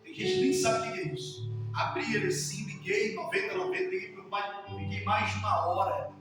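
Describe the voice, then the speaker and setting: High-voiced pastor, fervent and echoey. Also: male voice, very animated, fairly quick. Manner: fervent, repeats phrases, builds to shouts. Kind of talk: preaching sermon. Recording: very echoey hall, distant mic, music behind.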